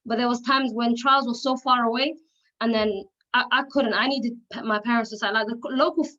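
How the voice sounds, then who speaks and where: A woman's voice: a little high, steady tone, fairly quick, pushed and bright. A young woman from Somalia, a football referee, telling her story in a chatty, casual way on a video call, acting out the dialogue she quotes and filling her speech with "like". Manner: chatty, acts out quoted dialogue, many "like" fillers. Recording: slightly dull lo-fi call audio.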